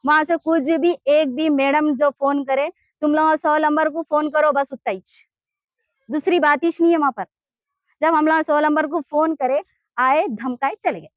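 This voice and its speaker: A woman with a Hyderabadi Urdu accent speaks in a high, urgent voice, pressing her complaint to a reporter with insistent, pleading force. The sound is dry and close, a little dull and lo-fi. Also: a little slow, no room sound. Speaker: interviewee in a land dispute. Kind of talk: street interview complaint.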